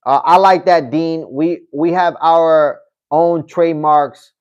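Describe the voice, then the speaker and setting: Reading out comments from viewers on his casual livestream, this host responds in a chatty, loose manner, frequently adding "you know what I mean." He speaks slowly and steadily at a fairly high pitch with a clean tone, though the sound is lo-fi.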